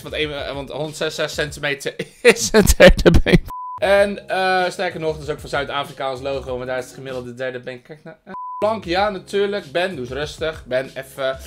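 A man chatting loudly and playfully as a gaming vlogger, joking around and slipping into silly voices. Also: a little high. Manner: loud, playful, jokey, shifts into silly voices. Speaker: gaming YouTuber. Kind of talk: excited gaming vlog chat.

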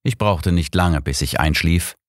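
A man's voice: sits low, measured pace, dry recording, clean studio sound. A man giving scripted first-person narration of a story as an audiobook narrator. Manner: storytelling, expressive.

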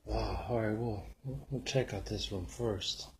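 On location at an abandoned house, a man hosts an exploring video with casual, off-the-cuff commentary, muttering exclamations and swearing now and then. His voice is lowish and steady, his pace unhurried, and there's noticeable background noise.

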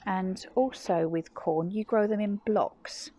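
A middle-aged woman casually narrating a gardening vlog, explaining things in a chatty, low-key way while filming on a phone. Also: slow pace, warm tone. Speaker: gardening vlogger and parent. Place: garden outdoors and at home.

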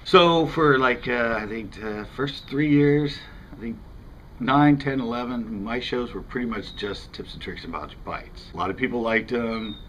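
A fishing channel host, an American man in his fifties, rambles conversationally to camera while standing outside in front of a house window. He has a medium-pitched, slightly bright voice and a moderate pace, with slight background noise.

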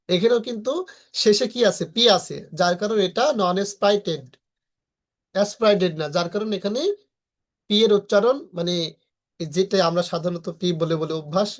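Brief: online pronunciation teacher, patient and repetitive, slows right down on example words. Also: medium pitch. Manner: patient, repetitive explaining with frequent check-ins; sounds words out slowly and stretches them. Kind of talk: recorded online class lecture.

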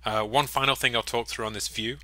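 Chatty man demoing software, bright voice. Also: medium pitch, steady tone, brisk, dry recording. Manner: upbeat, chatty, jokey asides. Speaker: software walkthrough presenter. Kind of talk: casual screen-recorded software tutorial.

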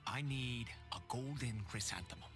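A man's voice: medium pitch, normal speed, gravelly, close to an everyday voice. An actor voicing a cocky, wisecracking male hero in a video game. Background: game music.

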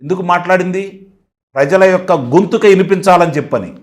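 A man, a political analyst speaking forcefully in a heated interview and firing off rhetorical questions. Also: high voice, a little fast.

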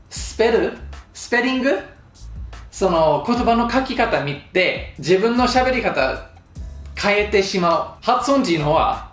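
A man's voice: high-pitched, fairly bright tone. A man giving casual pronunciation tips to camera in a chatty, joking, mildly exasperated way. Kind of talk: casual vlog talk to camera. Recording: roomy echo with faint music.

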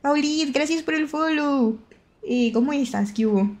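A young Mexican woman with a Mexican accent streams a horror game as a VTuber, her voice sitting a bit high. She chats playfully with viewers, giggling and jumping at scares. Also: a little slow, a little mellow. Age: young adult.

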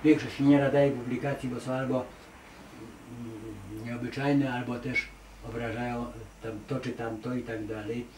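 A man's voice: medium pitch, fairly even intonation, moderate pace. Artist guy in an interview, emphatic and rambling, lots of ums, mic far away, roomy echo. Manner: emphatic, digressive, with many hesitations and repeated "nie". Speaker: artist interviewed as award laureate. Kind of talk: conversational interview answers. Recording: echoey room, distant mic, faint noise.

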